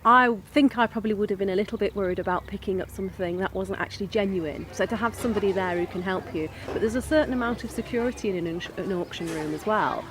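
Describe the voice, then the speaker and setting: A woman's voice: mid-range voice, fast talker, hardly any pauses. A woman in her forties reflecting casually in an interview, recorded outdoors in a garden. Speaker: auction participant.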